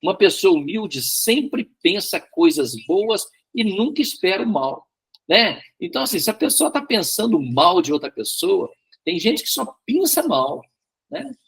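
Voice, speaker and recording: A man leads a Bible study with a high, husky voice that rises and falls a great deal. He tells a story in a loose, repetitive way and keeps checking in with his listeners. His delivery sounds informal and unscripted. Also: sing-song, measured pace, a bit bright. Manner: repeats words, frequent tag questions.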